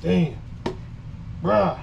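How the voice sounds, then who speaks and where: A man speaking muffled through a gas mask, his voice picked up from a distance. He talks in a relaxed, rambling way and repeats himself often. Steady noise runs behind him. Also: high-pitched, extremely slow. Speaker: vlogger reviewing gear. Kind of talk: casual product demo. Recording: distant mic with clear background noise.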